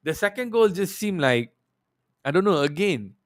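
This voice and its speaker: A man speaks in a slightly high voice, recorded dry with little room sound. He talks like a football fan reacting to a match, casual and conversational, with animated, emphatic storytelling. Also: normal speed, dry recording.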